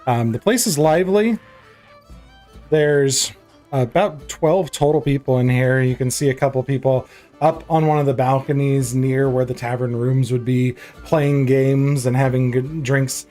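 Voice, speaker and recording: A man's voice: mid-range voice, fairly even intonation, a little slow, mellow, soft background music. A man improvising narration as game master of a tabletop fantasy game.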